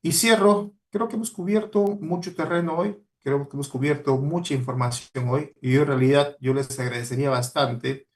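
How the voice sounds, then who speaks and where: A Peruvian mining professional, invited as a guest speaker, addresses students in a motivational talk. His voice sits fairly high and moves at a normal speed with few pauses. He is earnest and exhorting, with a Peruvian Spanish accent, and repeats key words for emphasis.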